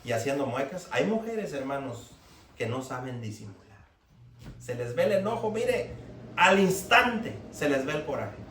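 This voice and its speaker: A man's voice: medium pitch, very animated, moderate pace, a bit bright. A man preaching a sermon, firing rhetorical questions at the congregation. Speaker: pastor. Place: church hall. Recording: echoey room, mic far off, faint noise.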